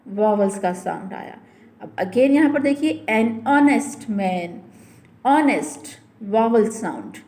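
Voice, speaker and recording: Slow, echoey woman teacher explaining grammar. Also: fairly high pitch, a little mellow. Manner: explains step by step, repeating example words slowly; asks the class questions and answers them herself. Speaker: school English teacher. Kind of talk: classroom grammar lesson.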